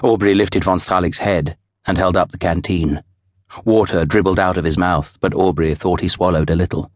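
A man giving measured, expressive scripted narration of a novel for an audiobook. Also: low-pitched, no echo, clean studio sound.

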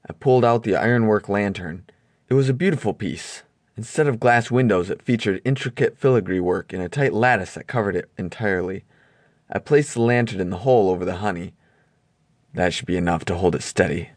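Male narrator, low-pitched, measured storytelling, dry studio recording. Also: dry recording. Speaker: audiobook narrator. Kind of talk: scripted first-person narration.

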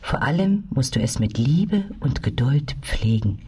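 A kindly fairy acted by a woman speaks very low and slowly, with a breathy hush. She is warm and soothing, as in a storybook, and sits a little away from the mic. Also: sing-song, recorded from a distance, full character voice. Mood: gently instructing. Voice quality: breathy, hushed. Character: kindly, soothing old-world fairy helper, female.

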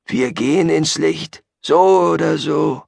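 A man voicing a fanatical male cult leader who preaches martyrdom slowly and solemnly. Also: on the high side, fairly even intonation, vocal fry, slightly rough, dry recording, studio quality, pitched above the performer's own voice, full character voice. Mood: gentle, serene.

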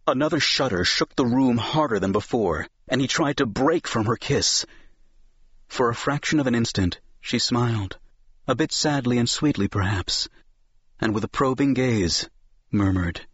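A man narrating a science fiction novel as an audiobook, in a measured, dramatic storytelling manner. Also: mid-range voice, expressive, a bit bright, breathy edge, no echo. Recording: slightly dull, dry studio recording.

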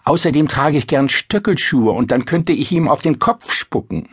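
A man voicing a sharp-tongued, theatrical young princess in a storybook reading. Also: a little high, expressive, moderate pace, slightly rough, no room sound, studio quality, pitched above the performer's own voice. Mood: mocking. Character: haughty, mocking young princess.

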